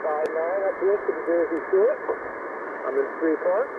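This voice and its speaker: Ham radio guy calling cq, fairly high voice, thin tinny radio sound with heavy static. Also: a little slow. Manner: clipped phonetic call signs and signal reports. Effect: heard over a ham radio receiver. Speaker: amateur radio operator.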